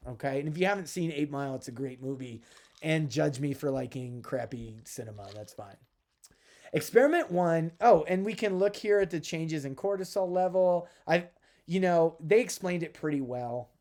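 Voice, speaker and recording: A man in his thirties giving a casual psychology lecture, chatty and animated, with self-deprecating asides. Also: fairly high pitch, normal speed.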